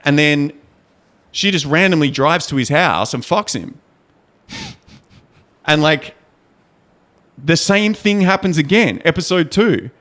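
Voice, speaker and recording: A man's voice: on the high side, slow, pauses often. A man co-hosting a podcast, chatting casually and retelling a show scene with laughs and swearing. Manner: animated, swearing, laughing storyteller. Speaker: podcast co-host. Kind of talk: casual chat.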